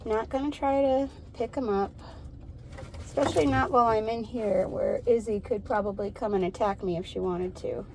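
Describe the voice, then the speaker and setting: An American woman talks to camera in a relaxed, chatty way from outdoors. Her voice is mellow and mid-pitched, and she speaks softly and soothingly. There is a faint hiss of outdoor ambience behind her. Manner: chatty, gentle and soothing with the animals. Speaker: homestead vlogger. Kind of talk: casual vlog narration. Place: outdoors in an animal pen on a hot day.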